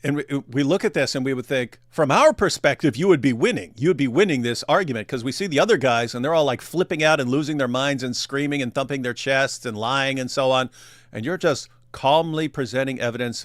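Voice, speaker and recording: A man's voice: mid-range voice, fairly quick, no echo, studio quality. A man hosting a casual reaction commentary, rambling with restarts and laughs as he talks over video clips. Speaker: commentary show host.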